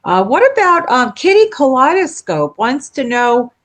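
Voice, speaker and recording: A woman's voice: sits high, sing-song, measured pace, fairly bright tone. Sixties lady co-host reading listener questions, bouncy voice, laughs a lot. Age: 60s. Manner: reads listener questions, chatty, easy laughs. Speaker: podcast co-host. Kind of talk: casual chat.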